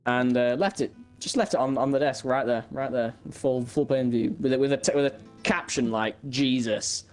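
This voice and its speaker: A man's voice: mid-range voice, moderate pace, faint music behind. Rambling young man telling a story. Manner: rambling, stammering with many restarts and mock-quoted dialogue. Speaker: podcast co-host. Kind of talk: casual comedic storytelling.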